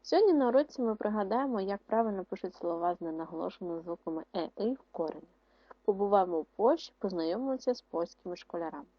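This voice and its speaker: A woman teacher giving a video lesson to schoolchildren, dictating words slowly and explaining rules in a clear, instructive way. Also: medium pitch, expressive, no echo. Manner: slow, syllable-by-syllable dictation of words. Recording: dry, muffled lo-fi recording.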